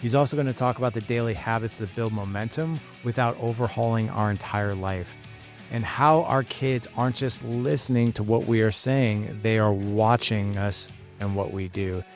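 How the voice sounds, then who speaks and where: Midwestern male podcast host, low-pitched, energetic and casual, light music bed. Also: normal speed. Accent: Midwestern American. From St. Louis, USA. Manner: energetic, casual, filler-heavy. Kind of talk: podcast interview.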